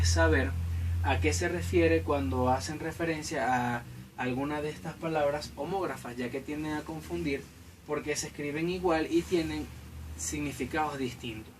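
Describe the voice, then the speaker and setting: A man giving a class presentation, halting, with fillers. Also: on the high side. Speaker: student presenter. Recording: distant mic with faint noise.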